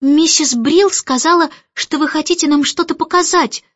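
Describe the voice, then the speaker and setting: A woman voicing an eager, excited young girl who speaks with breathless enthusiasm, in an audiobook. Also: sits high, moderate pace, husky, dry recording, highs cut off.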